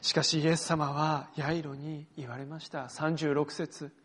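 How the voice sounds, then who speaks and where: Husky-voiced male pastor preaching earnestly. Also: on the high side, level tone, a little slow. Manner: earnest, swings between loud emphasis and hushed phrases; addresses the congregation directly, invites reading along. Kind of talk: sermon.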